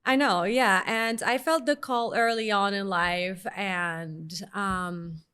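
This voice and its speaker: A woman's voice: mid-range voice, slow pace, clear, resonant tone. Chatty woman. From Lebanon. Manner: lively, chatty, self-mocking. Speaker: guest, Presbyterian minister. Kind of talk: casual interview storytelling.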